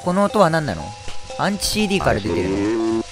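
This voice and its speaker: A man with a hoarse, worn-out voice giving loud, excitable let's-play commentary as a game streamer, with frequent shouted reactions. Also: medium pitch, a little fast, music in the background. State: hoarse throat.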